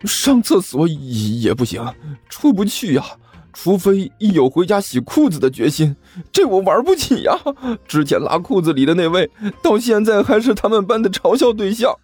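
A man's voice: high voice, very animated, normal speed, darkish tone, husky, no room sound, soft background music, pitched above the performer's own voice, heavily acted. A man voicing a chubby, panicky schoolboy who whimpers, groans and stammers dramatically. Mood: fretting.

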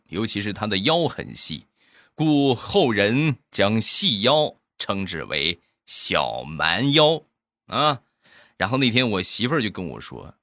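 Lively low-voiced man telling jokes. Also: no room sound, studio quality. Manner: lively, punchline delivery, frequent drawn-out particles. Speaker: comic storyteller. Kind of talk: comic joke monologue.

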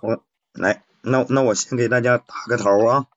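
A man's voice: mid-range voice, steady tone, normal speed, no room sound, highs cut off. A sick man co-hosting a comedy podcast, rambling and joking between coughs. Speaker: podcast co-host. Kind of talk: casual comedy podcast chat.

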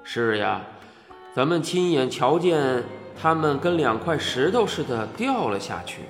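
A storyteller voicing a huge, mocking ox-headed male giant in a slow, heavy drawl, with a cavernous echo laid over it. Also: medium pitch, very animated, pitched below the performer's own voice. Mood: puzzled. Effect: cavernous echo added. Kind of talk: audiobook character voice. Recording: echoey, distant hall reverb over music.

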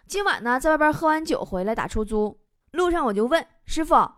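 A woman hosting a comedy show, reading out listener jokes in a playful, animated way and laughing often. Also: high-pitched, brisk, no echo, clean studio sound.

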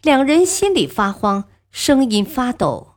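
Slow, lively-toned woman telling history. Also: fairly high pitch. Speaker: storyteller. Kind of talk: storytelling narration of history.

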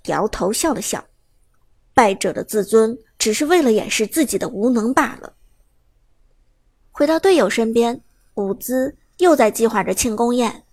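A woman reading a novel aloud in steady, scripted storytelling narration. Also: a little high, no echo. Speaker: audiobook narrator.

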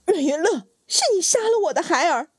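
A woman voicing a desperate, grief-stricken young noblewoman who is wronged, in a high, strained and tearful voice. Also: moderate pace, warm tone, no room sound, clean studio sound, lightly acted. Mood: wailing.

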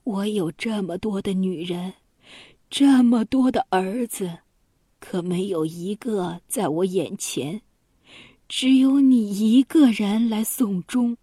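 A woman voicing a dying old male duke in a children's storybook, weak, remorseful and sighing, with halting, drawn-out speech. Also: medium pitch, dark tone, breathy edge, no echo, clean studio sound. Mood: mournful.

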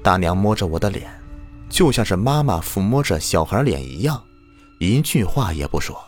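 A man narrating a listener's ghost story as the show's storyteller host, acting out the shouted lines. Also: sits low, moderate pace. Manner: lively, acts out quoted shouts. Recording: faint music underneath.

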